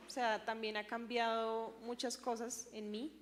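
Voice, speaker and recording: A woman's voice: fairly high pitch, little pitch movement, a little slow, long reverb tail, noisy background. Young woman, hesitant testimony. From Colombia. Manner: hesitant, many fillers, soft laughs. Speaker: church member giving testimony. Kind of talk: personal testimony interview.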